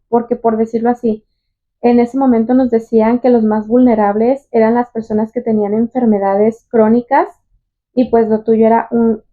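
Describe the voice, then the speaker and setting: A woman interviewing a guest, often summing up what the guest has said. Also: a little high. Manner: supportive, sums up the guest's answers. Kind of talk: interview questions. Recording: tinny, phone-like.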